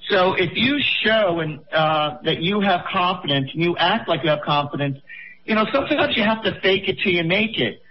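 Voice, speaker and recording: Homem de cinquenta anos, voz alta e brincalhona. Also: male voice, high-pitched, animated, normal speed, lo-fi sound. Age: 50s. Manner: chatty, joking, rambling. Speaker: radio co-host. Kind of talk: call-in radio advice.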